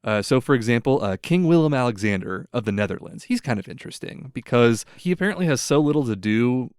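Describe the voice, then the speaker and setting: Fast-talking and animated, a young man from the United States hosts a podcast and tells rambling, filler-heavy stories full of "like" in casual conversation. His medium-pitched voice is darkish, clear and resonant. It's studio quality with no room sound.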